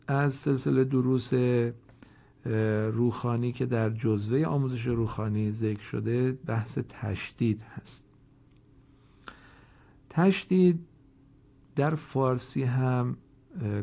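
Gravelly slow-spoken man teaching a lesson. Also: medium pitch, mellow. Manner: slow, deliberate, pausing to let learners answer. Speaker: Quran reading teacher. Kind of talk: formal recorded lesson.

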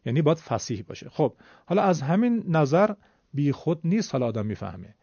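A man's voice: a little high, big pitch swings, dark tone, slightly rough, no room sound. A man teaching Quran recitation in a lecture, explaining patiently and breaking into short chanted demonstrations. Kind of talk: classroom lecture. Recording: dull lo-fi dry recording.

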